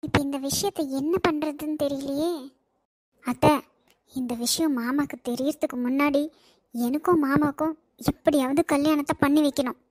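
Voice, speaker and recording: High-voiced scheming niece done by a woman, kanyakumari tamil accent, dry close sound. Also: fairly even intonation, moderate pace, darkish tone, no echo, lightly acted. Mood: worried. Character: young woman scheming to marry her cousin. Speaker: cartoon character. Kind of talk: animated comedy voice acting.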